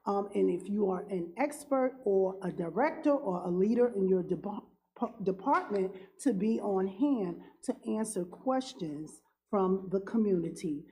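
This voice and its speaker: Councilwoman with a cold; slow, earnest, halting delivery in a dark, low voice. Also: low-quality recording. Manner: halting, many ums, earnest. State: has a cold, cough drop in mouth. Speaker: town councilwoman. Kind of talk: closing remarks at a council meeting.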